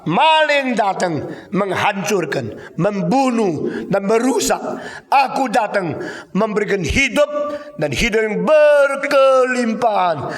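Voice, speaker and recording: An older man preaching a sermon as pastor, slow and deliberate, stressing each phrase and repeatedly addressing his listeners. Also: high-pitched, echoey room.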